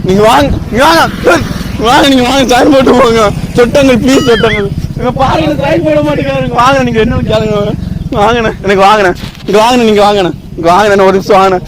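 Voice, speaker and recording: High-voiced guy hassling strangers on a roadside prank, rattles on fast, loud traffic noise all around. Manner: pestering, insistent and theatrical. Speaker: prankster host. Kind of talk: street prank banter.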